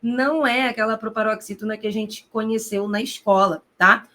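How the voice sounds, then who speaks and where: A woman Portuguese teacher records an exam-prep grammar lesson, addressing the student directly in a fairly high, steady, sharp-toned voice. She poses rhetorical questions to herself and stretches out key terms slowly for emphasis.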